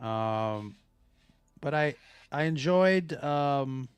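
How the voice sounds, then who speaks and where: A man's voice: mid-range voice, lively intonation, very slow, clean tone, no echo, soft background music. A man talking casually as a conversation partner on an art and pop-culture show. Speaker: podcast co-host or guest.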